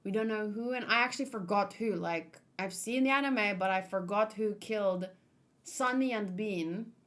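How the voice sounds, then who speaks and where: A woman with a mid-range, slightly bright voice reads manga aloud at a normal speed, adding chatty, off-the-cuff commentary. She keeps it informal and acts out the dialogue lightly.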